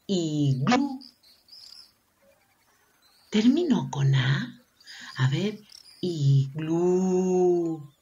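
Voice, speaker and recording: A woman teaches preschoolers their vowels, stretching words out slowly and warmly praising each answer. Her voice sits low and mellow with a slightly breathy edge, yet her pitch leaps widely in a sing-song way. The recording sounds dull and lo-fi. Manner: affectionate, encouraging, asks children questions. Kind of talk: slow, sing-song lesson for young children.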